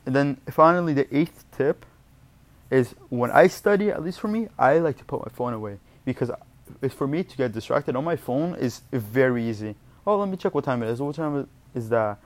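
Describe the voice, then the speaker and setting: Lively intonation and a moderate pace mark this young man's medium-pitched voice. He's a student vlogger, Portuguese by first language, giving study tips in a rambling, chatty, casual style and frequently self-correcting mid-word.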